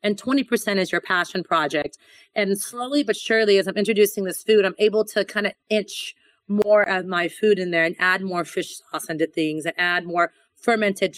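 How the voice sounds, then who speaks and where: Chef guest, woman, chatty storyteller, slightly low voice, dry recording. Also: dry recording, rough recording. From born in Thailand to Laotian parents. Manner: chatty, animated storytelling with repeated words. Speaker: chef and restaurant owner. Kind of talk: casual interview conversation.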